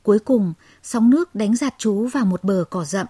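A woman telling a children's fable in a measured, expressive way. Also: medium pitch, breathy edge, no room sound. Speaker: storyteller. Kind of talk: children's story narration.

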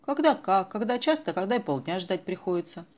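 A woman's voice: medium pitch, very animated, brisk, lightly acted. A woman voicing a chatty, kindly old village woman in an audiobook, with a folksy, sing-song way of talking. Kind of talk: audiobook character voice.

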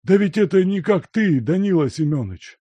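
A man voicing a fussy, grumbling old male house servant who laments and frets in a high, agitated voice. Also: lively intonation, moderate pace, warm tone, husky, no room sound. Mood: alarmed.

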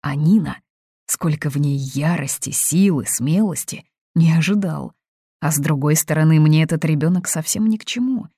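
A woman's voice: low-pitched, moderate pace, warm tone, slightly rough, dry recording, clean studio sound. A woman reading aloud, voicing a young man who is torn and irritated, muttering to himself. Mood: brooding. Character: young man, foreign student, torn and angry. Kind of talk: audiobook reading.

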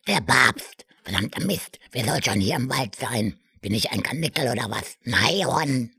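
A man voicing a rude, cursing male walking stick in an audiobook, with a husky, gravelly voice. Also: mid-range voice, lively intonation, measured pace, sharp tone, dry recording, clean studio sound, pitched above the performer's own voice, full character voice. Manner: cursing, brusque.

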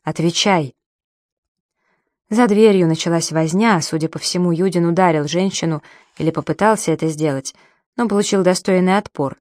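A woman narrating a novel in a measured, storytelling manner. Her voice sits on the low side and the recording is dry and close, with no room sound. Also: a little mellow, no echo. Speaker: audiobook narrator. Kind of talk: audiobook narration.

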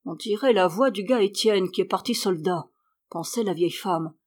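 Woman, audiobook reader, classic novel, steady narration, louder higher voice for characters. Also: normal speed. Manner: voices characters by rising in pitch and volume.

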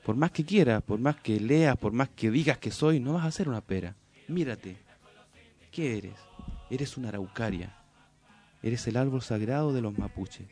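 A man voicing a majestic sacred condor in a spoken folk tale. It gives gentle, firm counsel in a soft, dark voice. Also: mid-range voice, normal speed, breathy edge, faint music behind. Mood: wise.

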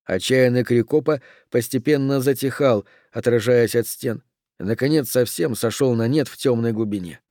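A man narrating a thriller audiobook in a steady, measured reading. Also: mid-range voice, no echo, clean studio sound.

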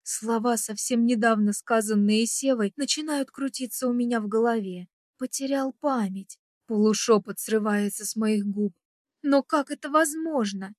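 A woman narrates a first-person audiobook with emotional expression. Her voice sits fairly high. The recording is dry and close, with no room sound. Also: normal speed, dry recording.

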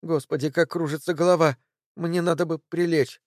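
A man's voice: a little high, fairly even intonation, moderate pace, no room sound, studio quality, voice pushed up, lightly acted. A man voicing a frightened, injured young woman who pleads tearfully, in an audiobook. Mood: pleading.

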